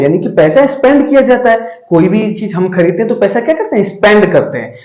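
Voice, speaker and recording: Lively male grammar teacher. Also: high-pitched, reverberant. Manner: asks questions and answers them himself, slows down to dictate sentences. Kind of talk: classroom grammar lesson.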